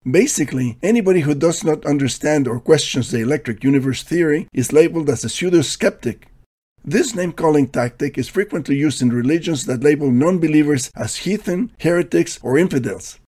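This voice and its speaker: A man's voice: fairly high pitch, brisk, darkish tone. A man reading scripted commentary in a dry, questioning, critical manner.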